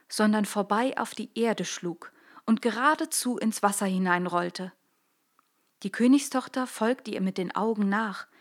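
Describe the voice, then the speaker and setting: A woman narrating a classic fairy tale with expressive storytelling. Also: on the high side.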